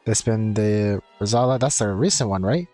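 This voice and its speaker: Reading game text aloud and chatting in a rambling, informal way, a man livestreams over game music. His voice is on the low side and mellow, at a moderate pace.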